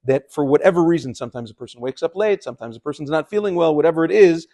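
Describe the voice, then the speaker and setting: A man's voice: a little high, lively intonation, rapid-fire, warm tone. A man giving an explanatory religious lesson as a rabbi, instructing in English sprinkled with Hebrew terms. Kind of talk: religious lecture, explanatory, partly unscripted.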